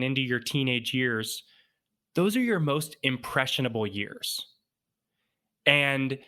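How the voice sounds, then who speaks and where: A man in his thirties with a bright, forceful voice at a middle pitch. He talks as a podcast guest, explaining his points with confidence and emphasis in a relaxed conversational tone. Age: 30s. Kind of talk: casual conversation.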